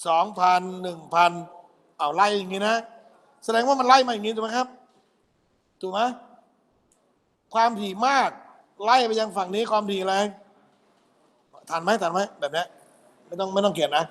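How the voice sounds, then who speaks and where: A man's voice: sits high, moderate pace, pauses often, a bit bright. A man tutoring physics for an exam review, walking through problems and checking often that students keep up. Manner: quizzing students with constant "got it?" checks.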